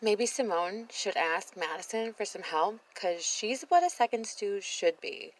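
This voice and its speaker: A woman's voice: medium pitch, expressive, measured pace, low-quality recording. A woman commenting on a reality show in a sassy, blunt voice-over, swearing freely. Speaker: reaction video host.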